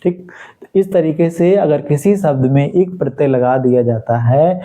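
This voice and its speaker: A man teaches grammar, working through each example step by step as he writes it out. He keeps asking the class a question and then answers it himself. His voice sits a little high for a man, with a soft, mellow tone. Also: moderate pace. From India. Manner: repetitive call-and-response questioning; explains step by step at a board. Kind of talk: Hindi grammar lesson for exam students.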